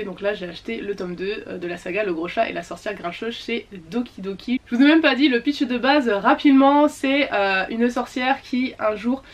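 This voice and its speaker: A woman chatting casually about her latest book purchases, with many fillers and self-corrections. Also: medium pitch. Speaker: book vlogger. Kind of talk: casual book haul chat.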